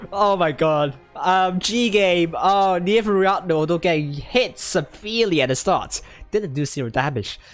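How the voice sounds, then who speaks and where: Calling a live match, an esports commentator is audibly losing their voice. Each fight sends them into excited, high-pitched shouts, and the rapid string of player names comes with plenty of fillers and false starts.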